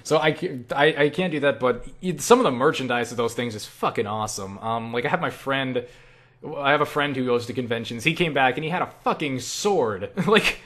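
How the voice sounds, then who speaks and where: A young man with a medium-pitched voice talks fairly quickly, answering viewer questions as an online creator. His style is casual, rambling and self-deprecating, with animated asides where he acts out quotes.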